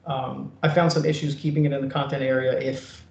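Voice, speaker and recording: A man's voice: medium pitch, level tone, brisk, creaky. Man presenting over an echoey meeting call. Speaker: presenter of a software demo. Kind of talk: informal screen-share demonstration for a work group. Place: online meeting recording from an echoey room. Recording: echoey room, dull online meeting audio.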